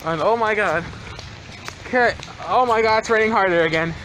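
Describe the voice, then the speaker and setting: A young man chatting casually for an outdoor vlog, excitable and exclamatory, with plenty of swearing. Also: high-pitched, normal speed. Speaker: vlogger. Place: outdoors in a rainstorm. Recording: noisy outdoor rain and traffic ambience.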